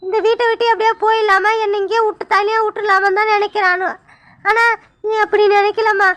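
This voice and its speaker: A woman's voice: very high-pitched, level tone, fairly quick, fairly bright tone, no room sound. A woman voicing a tearful elderly mother-in-law in a cartoon, with a shaky, pleading voice. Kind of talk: cartoon voice acting.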